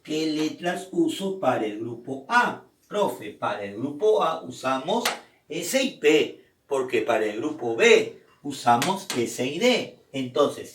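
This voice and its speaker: A man's voice: on the high side, reverberant, distant mic, a little hiss or hum. A man teaching a chemistry lesson, explaining step by step and asking and answering his own questions.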